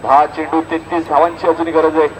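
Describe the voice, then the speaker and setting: At an outdoor local cricket tournament, a man with a Maharashtrian accent delivers live commentary and announcements in a fairly high, level voice, talking fast. He is emphatic, restating the score as he calls the action, while a loud crowd fills the noisy recording.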